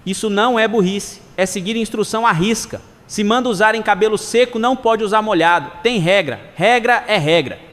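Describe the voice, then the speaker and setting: A stubborn, literal-minded husband, as a joke teller puts him on insists that rules are rules. The voice is high and indignant. It rings out in a long hall reverb. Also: male voice, a little fast, few pauses, a bit bright. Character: literal-minded adult man, stubborn rule-follower.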